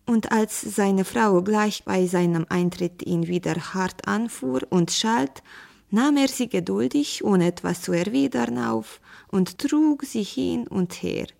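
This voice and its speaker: Woman reading an old fairy tale, really slow and measured, gravelly creaky voice. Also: medium pitch, darkish tone. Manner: measured, unhurried narration. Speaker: storyteller.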